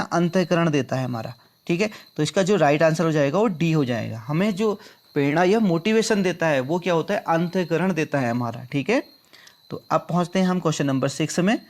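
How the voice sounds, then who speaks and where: Man going through exam questions, higher-pitched. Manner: drills answers by repeating them back as questions; addresses viewers as friends. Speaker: exam prep teacher. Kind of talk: explaining quiz answers.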